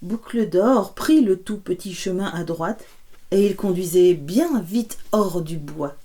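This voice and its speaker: A woman storyteller reading a fairy tale aloud in an expressive, playful way. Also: fairly low pitch, slow.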